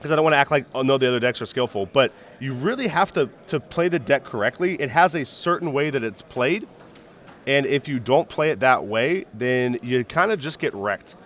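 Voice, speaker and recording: Lively male stream commentator, chatty and jokey, reads chat aloud, voice swoops around a lot. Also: mid-range voice, brisk. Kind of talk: live card game commentary.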